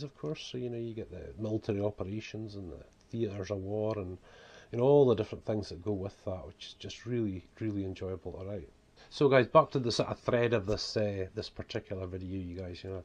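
Speaking to camera from a small room in his home, this man in his forties, a vlogger and author from Scotland, chats casually and without a script, peppering his rambling with "you know." His broad Scottish voice is fairly low, a little mellow and slightly rough.

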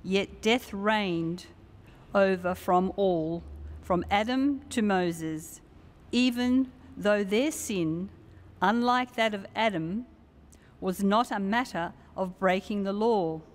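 An older woman reading scripture aloud as a lector in a solemn, measured, formal way, in an echoing church. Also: medium pitch. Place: brick-walled church, at lectern. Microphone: gooseneck lectern microphone. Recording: long cathedral-like echo in church.

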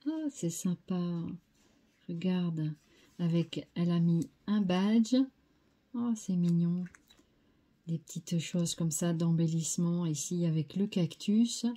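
A woman's voice: fairly low pitch, takes it slowly, warm tone. A French woman hosting a scrapbooking video, chatting casually as she shows craft mail and repeating how nice each piece is. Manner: chatty, enthusiastic, repeats "très sympa".

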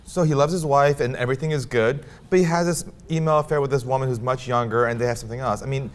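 A man's voice: medium pitch, fast talker. A man co-hosting a talk show, arguing his opinion emphatically and repeating his points. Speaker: co-host.

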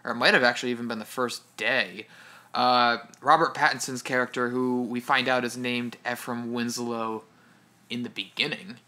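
Bright-voiced man reviewing a film. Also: medium pitch, flat delivery, normal speed. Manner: hesitant, restarts. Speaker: podcast co-host. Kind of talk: casual film review chat.

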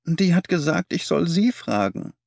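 A man's voice: on the high side, big pitch swings, normal speed, gravelly, darkish tone, dry recording, studio quality, voice pushed up. A man voicing a trembling, whimpering little man. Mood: pleading, frightened. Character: small frightened nervous man. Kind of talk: audiobook character voice.

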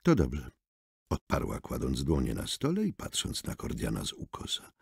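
Casual: deep husky dude reading a novel, dark tone, loads of pitch swing. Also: male voice, normal speed, no echo, clean studio sound. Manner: expressive, theatrical reading. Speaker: audiobook narrator. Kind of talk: scripted narration. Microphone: close studio mic.

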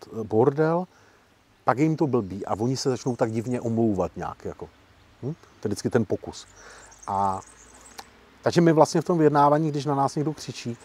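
A man with a husky, slightly rough voice at an ordinary middle pitch explains negotiation techniques as an interview guest. He talks emphatically and keeps things lively, often breaking into short acted-out example lines. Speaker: professional negotiator, guest speaker.

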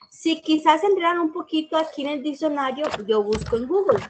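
A woman's voice: high-pitched, normal speed, background noise. A middle-aged woman teacher explaining a class assignment in an informal, example-filled way, with many fillers, recorded on a computer microphone. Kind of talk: screen-recorded tutorial explanation.

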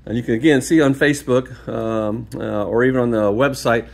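A parish staff member with a middle-pitched, creaky voice gives a walking tour of a large, empty new school building, including its gym and halls. Speaking at a normal speed into a handheld phone camera while staying off screen, he rambles casually and enthusiastically, swinging between excited praise and quiet muttered asides.

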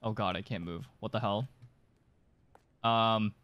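A young man streaming horror games with live commentary, jumpy and excitable, speaking into a close desk mic. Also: fairly low pitch, takes it slowly, dull audio. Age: young adult. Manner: jumpy, excitable, often yelping and screaming. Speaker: game streamer. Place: small bedroom streaming setup, indoors. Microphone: desk microphone close to the mouth, headphones on. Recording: game sounds and clicks behind voice.

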